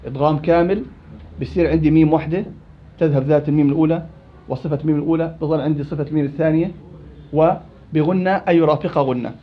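A man teaching a Quran recitation class, quizzing his students by name in a lively way. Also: a little high, very fast. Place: indoor study circle. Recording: dull lo-fi recording.

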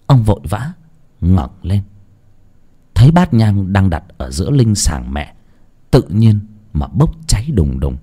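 A man narrating a ghost story dramatically, with an expressive, swooping delivery. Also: sits low, unhurried, pauses often, husky.

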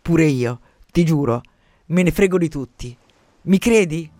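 A man's voice: a little high, lively intonation, brisk. A man reading aloud, voicing a sleepy, jaded male psychoanalyst who speaks bluntly and cynically. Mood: blunt confiding. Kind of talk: radio story reading.

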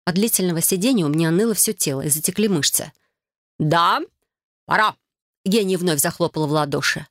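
An audiobook narrator reading a fantasy novel in the first person, with even storytelling. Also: medium pitch, quick pace, dry recording, studio quality.

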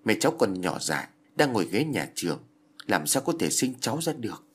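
A man's voice: lowish voice, sing-song, a little fast, breathy edge. A man voicing a guilty old grandmother who pleads with her ghost grandchild.

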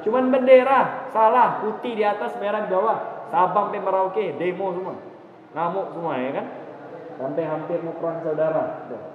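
A man teaching a religious study lecture, lively, often checking with his listeners whether they follow. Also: high voice, moderate pace. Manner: lively, asks the audience "paham?" often, talks with them. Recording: echoey hall, dull muffled sound, noisy.

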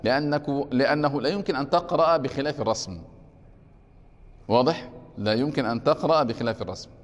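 A man's voice: medium pitch, fast talker, big-room sound. A man teaching a class on grammar. He takes questions and keeps checking whether his students have understood. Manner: keeps asking the class if it is clear.

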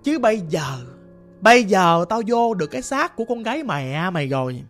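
A man's voice: extremely high pitch, normal speed, gravelly, sharp tone, faint music behind, voice pushed up, exaggerated voice. A man voicing a vicious male spirit possessing an old grandmother, snarling and cursing threats in a storytelling recording. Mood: menacing.

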